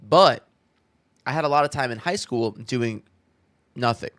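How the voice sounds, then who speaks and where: A man's voice: mid-range voice, a little slow, fairly bright tone. Young male streamer, offhand reaction chatter, swears casually. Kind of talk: casual live-stream commentary.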